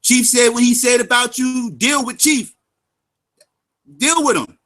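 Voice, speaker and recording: A man's voice: extremely high pitch, a little slow, bright, forceful tone. A man giving angry, profane, sarcastic commentary on a livestream.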